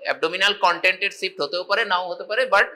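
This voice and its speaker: A man with a Bengali accent giving a medical college lecture, reading slow English lines and explaining them in Bengali, often checking whether students follow. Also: high voice, sharp tone, rough recording. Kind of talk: classroom lecture.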